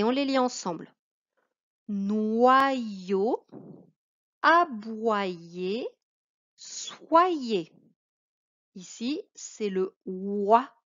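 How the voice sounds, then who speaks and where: Woman, French accent, teacher, very slow and careful, mid pitch, dull lo-fi sound. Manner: slow, careful, addressing a child. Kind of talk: reading lesson for children. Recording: dull lo-fi recording.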